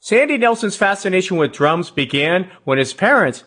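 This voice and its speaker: A man with a fairly high, slightly husky voice hosts a radio show. He reads his scripted narration in a smooth, measured storytelling way. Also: sing-song, fairly bright tone.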